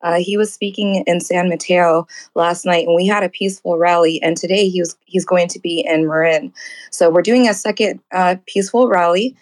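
A woman speaking in a casual live audio chat, earnest, with a voice worn hoarse. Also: lowish voice, fairly even intonation, moderate pace, poor audio. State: losing her voice. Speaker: guest speaker, activist.

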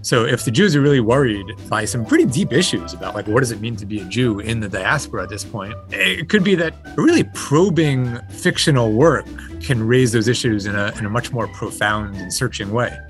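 A man's voice: medium pitch, animated, brisk, faint music behind. A man speaking as a guest professor, giving a conversational scholarly explanation. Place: library, late at night.

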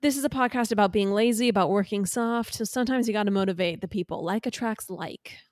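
A woman co-hosting a podcast in casual chat, talking eagerly and pitching products with enthusiasm. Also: fast, darkish tone, no echo, clean studio sound. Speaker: podcast co-host.

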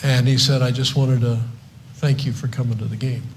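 A man hosting a talk-show interview tells an anecdote in a low-key, halting voice full of pauses. His voice sits at a middle pitch, with a faint hiss and room noise on the played clip. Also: level tone.

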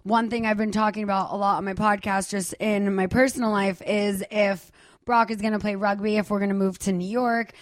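A woman's voice: mid-range voice, fairly even intonation, a little fast, no echo. A woman hosting a podcast, telling a rambling story in casual chat. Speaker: podcast host.

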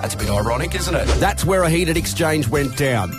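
An Australian man hosts breakfast radio in a chatty, matey style. His voice is a touch high, and faint music runs underneath his colloquial presenting. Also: animated, a little fast. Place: radio studio. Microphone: studio microphone.

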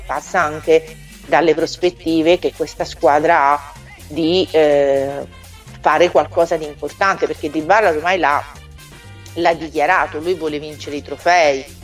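Low-voiced woman over a phone call. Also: steady tone, unhurried, soft background music. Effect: heard over a phone or internet call. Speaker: football pundit calling in. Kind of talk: call-in sports talk.

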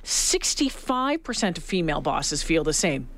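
A woman's voice: deep voice, very animated, moderate pace, fairly bright tone, no room sound. Woman radio host, middle aged, chatty and emphatic, really dry close studio sound. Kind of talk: conversational talk radio discussion.

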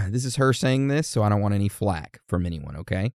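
Joking man reading listener shout-outs, dry. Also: fairly low pitch, animated, normal speed, no room sound. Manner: joking, teasing, easily amused. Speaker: podcast co-host. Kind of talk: casual chat, reading listener messages.

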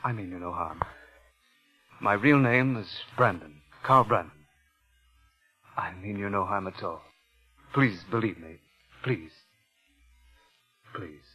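A stammering, pleading young ex-soldier. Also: male voice, lowish voice, slow, pauses often, sharp tone, breathy edge, heavily acted. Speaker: narrator and lead of a radio drama. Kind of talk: 1940s radio acting. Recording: old radio broadcast with music.

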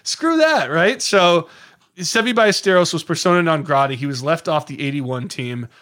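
A man telling a story on a casual podcast in a lively, digressive way, often slipping into the voices of the people he quotes. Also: a little high, normal speed. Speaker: podcast guest.

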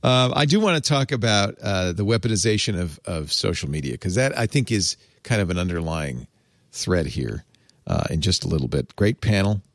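A man's voice: deep voice, animated, moderate pace, dry recording, clean studio sound. A man hosting a casual tech panel, chatty and emphatic, laughing often. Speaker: podcast host.

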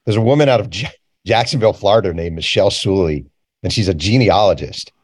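A man with a low, husky voice and lively intonation talks fast as a guest in a casual conversational interview. He's an author and journalist, candid and colloquial, and he repeats phrases for emphasis.

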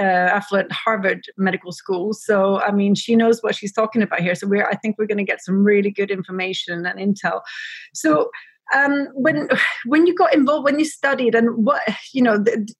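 A woman hosts a podcast interview over a remote call, feeling her way through questions with frequent fillers and restarts. Her voice is a little husky. The sound is dry and close. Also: medium pitch, no echo. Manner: hesitant, many fillers and restarts. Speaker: podcast host. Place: in Edinburgh.

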